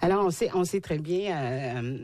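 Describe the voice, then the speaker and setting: A woman's voice: sits low, animated, a little slow, darkish tone, a little hiss or hum. A woman co-hosting a radio show, introducing a guest and asking questions with hesitant fillers. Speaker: radio co-host, culture columnist. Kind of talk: radio interview.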